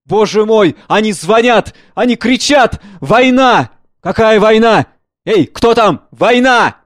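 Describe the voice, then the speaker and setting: A man reads the part of a seventy-year-old gardener who is nearly deaf, stubborn and frantic. He shouts in a high, cracking old voice. The recording is close and dry, with no room sound. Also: normal speed, no room sound, lightly acted. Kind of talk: dramatic play reading.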